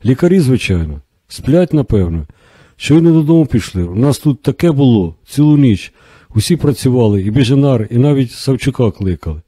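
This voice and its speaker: A man reading a tired, flustered female night-shift nurse in an audiobook, talking in quick anxious bursts. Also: mid-range voice, expressive, warm tone, husky, no room sound.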